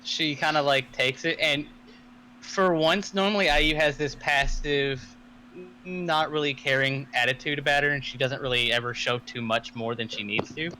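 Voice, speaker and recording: A man's voice: mid-range voice, fairly even intonation, moderate pace, sharp tone, a little hiss or hum, poor audio. A man on a headset mic casually describing his character's actions as a player in a tabletop game. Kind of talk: casual role-play narration.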